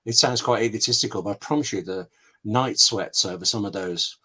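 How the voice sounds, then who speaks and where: A husky, lowish male voice comes through fairly quick, bright, and forceful as a scriptwriter guest answers questions on a video call. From his book-lined room at home he talks conversationally, tells anecdotes, and thinks aloud with asides and questions to himself.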